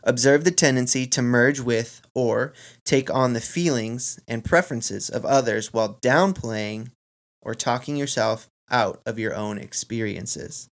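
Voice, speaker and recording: Guy hosting a solo podcast, medium pitch, explains stuff informally in measured chunks, talks to listeners like friends. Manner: addresses listeners directly as friends. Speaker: podcast host.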